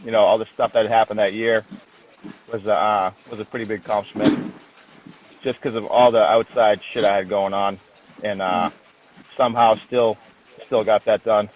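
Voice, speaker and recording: Over a thin, phone-like connection with a little hiss or hum, a dog trainer chats as an interview guest in a relaxed setting. He has a fairly low, steady voice at a moderate pace with frequent pauses, and his speech is frank, informal, and occasionally profane.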